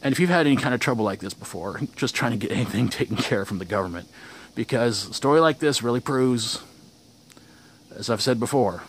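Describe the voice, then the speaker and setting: A man's voice: medium pitch, lively intonation, brisk, slight background noise. A young man telling a casual vlog story outdoors, rambling, with restarts and chuckles. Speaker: vlogger.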